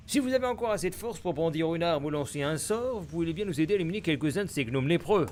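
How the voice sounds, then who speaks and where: A man's voice: fairly high pitch, expressive, fast, a little mellow, a little hiss or hum, close to an everyday voice. A man voicing an alarmed fantasy quest-giver who calls for help, declaiming the quest text urgently.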